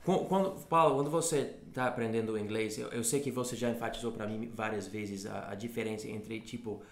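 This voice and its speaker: Creaky-voiced man teaching. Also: on the low side, steady tone, reverberant. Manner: explains slowly, repeats words for contrast. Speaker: English teacher and co-host. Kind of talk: casual bilingual lesson chat.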